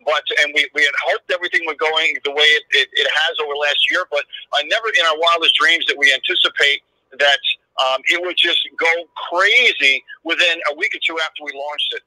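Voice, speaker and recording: A middle-aged business owner, guesting on a webinar, talks in a slightly high, bright, forceful voice at a brisk pace, upbeat and loose with lots of fillers and restarts in a casual pitch style. His voice comes from a phone held up to the mic, so it sounds tinny and distant, re-recorded off the speaker, though there's no room sound.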